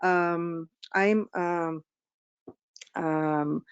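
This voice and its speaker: A woman's voice: lowish voice, fairly even intonation, extremely slow, clean tone, no echo, highs cut off. A middle-aged woman from Turkey with a Turkish accent, giving a webinar presentation as a business coach, hesitant with many fillers.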